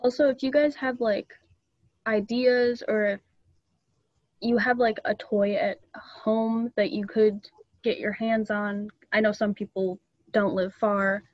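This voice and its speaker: A woman's voice: mid-range voice, steady tone, slow pace, no room sound, muffled recording. A young woman casually explaining things to a club meeting, chatty and loose with ums and small laughs, over a video call. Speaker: student club presenter.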